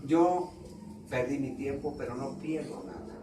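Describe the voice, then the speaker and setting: A man with a Mexican Spanish accent preaching a sermon, repeating himself and asking the congregation rhetorical questions, at times suddenly loud. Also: mid-range voice, a little slow. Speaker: pastor. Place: church. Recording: echoey room, distant mic, faint background noise.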